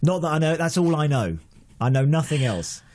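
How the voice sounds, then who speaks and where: A man's voice: fairly high pitch, big pitch swings, moderate pace, a little mellow. Chatty male radio host. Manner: chatty, jokey, self-deprecating. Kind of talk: casual radio interview. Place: radio studio.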